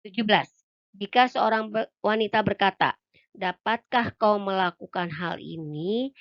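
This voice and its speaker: A woman reading an audiobook aloud in a calm, even way, with a few small slips. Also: mid-range voice, a little slow, dry recording, lo-fi sound. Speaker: audiobook reader. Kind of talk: audiobook narration.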